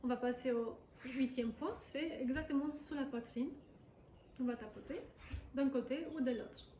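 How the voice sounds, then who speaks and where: A woman leads a guided tapping exercise in slow, calm, repeated phrases. Her voice is a touch high yet soft and mellow. The room is echoey, with a faint hum of ambience behind her. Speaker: EFT tapping practitioner.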